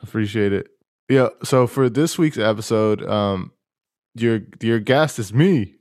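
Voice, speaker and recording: A young man hosting a casual sneaker podcast, talking in a rambling, laid-back way with a fairly monotone voice. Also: on the low side, measured pace, no echo, studio quality. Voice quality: self-described monotone voice. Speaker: podcast host.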